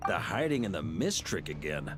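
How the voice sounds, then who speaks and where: An actor playing Varka, a confident male knight leader, giving brisk commands in a video game cutscene. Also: sits low, sing-song, over loud music. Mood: commanding. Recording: game audio with loud score behind.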